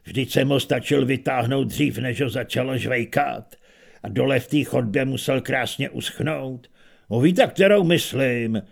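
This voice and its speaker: A laconic old barbarian warrior, voiced by a male narrator, delivers slow, deadpan remarks. Each line is dry and pointed, spoken in a lowered storybook voice. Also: creaky.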